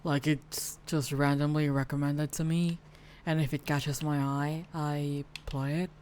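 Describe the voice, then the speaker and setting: Man from the Philippines, slow unhurried gameplay banter, crude jokes, desk mic with faint hiss. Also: on the high side, flat delivery, darkish tone. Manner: rambling, joking, swears and laughs while playing. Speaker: streamer. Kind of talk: casual gameplay commentary.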